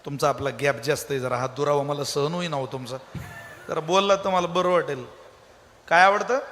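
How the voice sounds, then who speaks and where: A male kirtan preacher tells a story and then scolds his audience with dramatic passion. His voice is high and bright, and it rings through a large hall with a long reverb. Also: a little hiss or hum. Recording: echoey hall.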